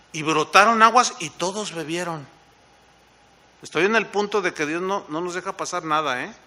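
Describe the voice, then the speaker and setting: A male pastor preaching a sermon in a conversational way, often checking in with the congregation through quick rhetorical questions. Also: fairly high pitch, bright, forceful tone.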